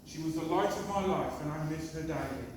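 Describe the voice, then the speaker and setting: A middle-aged man, father of the bride, delivers a prepared wedding speech and toast in short phrases in a large reception hall. His voice is on the high side and fairly quick. The recording is very echoey and noisy, with him far from the mic.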